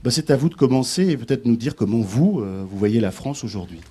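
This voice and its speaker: A man's voice: medium pitch, expressive, a little fast, warm tone. A man moderating a live round table informally, chatty and prodding with questions. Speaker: panel moderator. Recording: clear background noise, clicks.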